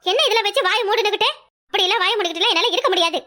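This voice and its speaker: A woman with a Kanyakumari Tamil accent trading quick, sharp-tongued lines in a comic village cartoon. Her voice is very high and bright, and she talks fast. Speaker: cartoon voice artist.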